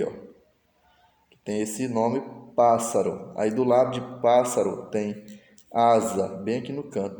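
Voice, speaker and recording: Guy teaching a lesson, mellow voice, big echoey room w long reverb. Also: mid-range voice. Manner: patient, explains step by step, answers his own pretend student questions. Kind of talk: recorded online lesson.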